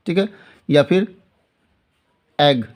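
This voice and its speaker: A man teaching English grammar in Hindi, explaining slowly, repeating his points and often checking that students follow. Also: on the high side, expressive. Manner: slow and repetitive, often asking "theek hai na". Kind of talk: classroom-style lesson explaining in Hindi with English examples.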